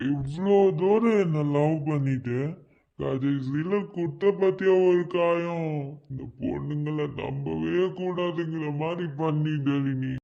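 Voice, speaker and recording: A man's voice: on the high side, takes it slowly, gravelly, phone-quality sound. A man voicing a heartbroken young man in a cartoon, pleading insistently with his ex-lover in a Madurai Tamil accent. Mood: bitter. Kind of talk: cartoon voice acting.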